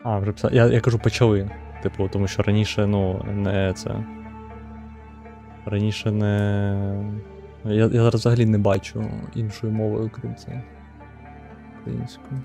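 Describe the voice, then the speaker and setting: Ukrainian male streamer, offhand mumbled commentary, dark gravelly tone. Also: lowish voice, little pitch movement, moderate pace, faint music behind. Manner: offhand, mumbling, swears casually. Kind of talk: casual live commentary.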